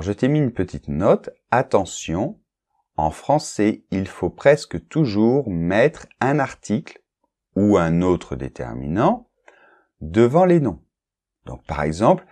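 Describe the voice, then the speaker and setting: Speaking slowly but very animatedly, a man with a lowish, slightly mellow voice gives one learner a French grammar lesson in a casual one-to-one style. He repeats and spells out sounds to be clear and keeps asking "ok?" and "d'accord?".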